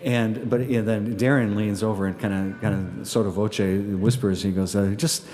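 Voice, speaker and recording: Pastor guy doing a laid-back homily at mass, lowish mellow voice, lots of uhs. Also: flat delivery, moderate pace, soft background music. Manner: chatty, folksy, with many fillers and restarts. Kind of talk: casual homily with an appeal. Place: church at Mass.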